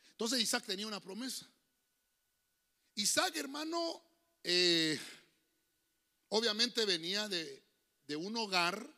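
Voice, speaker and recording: A man's voice: sits high, gravelly, bright, forceful tone, long reverb tail. A middle-aged man, a pastor with a Honduran Spanish accent, preaching a sermon and calling out to his congregation. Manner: preachy and emphatic, calls out to the congregation. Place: church hall.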